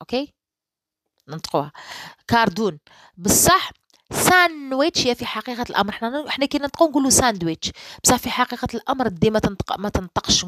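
A woman English teacher with an Algerian Arabic accent, going through an exam solution in dialect and slowly reading the English sentences, and often asking "okay?". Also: on the high side, fairly bright tone, no echo. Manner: slow, careful reading of English sentences, then explaining in dialect; keeps checking with "okay?".

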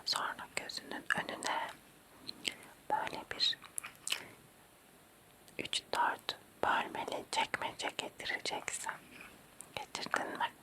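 An ASMR host performs a whispered role-play in a quiet, late-night hush. The delivery is very slow and gentle. Words are repeated soothingly to coax and reassure the listener toward sleep. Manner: hushed, quiet night-time bedtime whisper, slow and repetitive.

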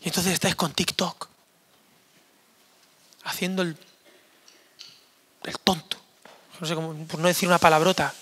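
A hoarse male pastor preaching an energetic, joking sermon to young people in a church, acting out quoted voices. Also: on the high side, moderate pace, long pauses. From Spain. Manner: animated, jokey, acts out quoted voices. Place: church hall.

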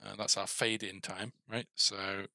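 A middle-aged game developer hosting a coding series thinks out loud and questions himself in a laid-back tutorial. His voice is on the low side, gravelly and bright, forceful, a little slow, with little pitch movement and no echo.

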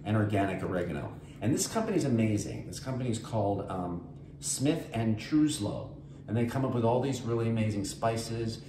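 A man's voice: fairly low pitch, expressive, brisk. An older man, chatting casually as he cooks and talks through each step in his home kitchen. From New York. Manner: chatty, rambling, health-focused asides. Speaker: host. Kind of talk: casual cooking demonstration. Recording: echoey kitchen with noise.

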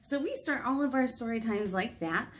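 With a fairly high pitch and a moderate pace, this storytime host, an American children's librarian in her thirties, talks to young listeners in simple phrases and poses questions to them. The setting is a small indoor room with a painted wall.

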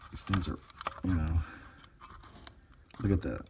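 A man demonstrates his hobby repair work at an indoor workbench in a casual, unscripted tutorial, thinking aloud. He speaks at a measured pace in a low voice, with heavy background noise behind him.

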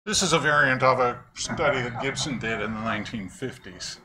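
Against a noisy background, a man with a medium-pitched voice gives a brisk academic lecture in a lecture room. His explanations are conversational, and he puts questions to audience members while cracking wry jokes.

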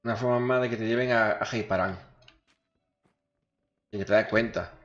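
A man's voice: lowish voice, fairly even intonation, normal speed, a bit bright. A man with an accent from Spain giving casual, coarse, informal gameplay commentary, muttering to himself as he goes. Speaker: gaming video host. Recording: echoey, dull microphone, faint music. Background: faint game music.

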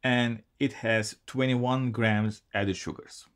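A man co-hosting a casual live stream, reading labels aloud in a relaxed way and making dry jokes. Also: mid-range voice, takes it slowly, smooth. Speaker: co-host.

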